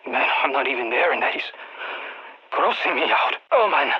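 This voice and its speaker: Over a lo-fi radio line, an actor voices a jittery, excitable nerd of a field research scientist in a video game, stammering and repeating words expressively. His mid-range voice is slightly rough and moves at normal speed, and he sounds squeamish.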